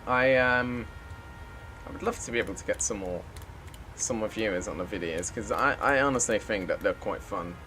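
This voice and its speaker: A man's voice: lowish voice, normal speed, bright, forceful tone, slight background noise, poor audio. A man live-streaming a flight simulator, chatting casually and making the odd pilot radio call.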